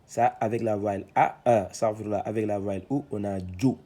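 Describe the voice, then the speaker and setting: A man teaching Quran reading, sounding out syllables loudly one by one, then explaining calmly with many hesitations. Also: on the low side, normal speed. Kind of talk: slow syllable-by-syllable reading lesson.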